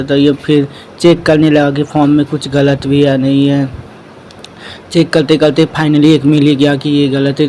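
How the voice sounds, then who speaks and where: A young man narrates his vlog. His voice sits a little high and stays flat, and he circles back over the same points. Faint traffic noise sits behind him. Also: rough recording. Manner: plain retelling in a loose, repetitive way. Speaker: vlogger.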